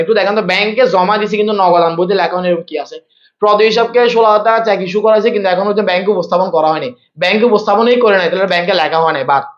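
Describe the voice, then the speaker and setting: A man's voice: high voice, muffled recording. A man teaching an accounting class live online, firing off questions and repeating himself. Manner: rapid-fire, repeats himself and quizzes students.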